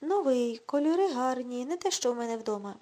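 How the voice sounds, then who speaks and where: A woman's voice: sits high, expressive, fairly quick, dark tone. A woman reading the lines of a drunken, boastful washed-up middle-aged man who talks in a pushy, self-assured, coaxing way.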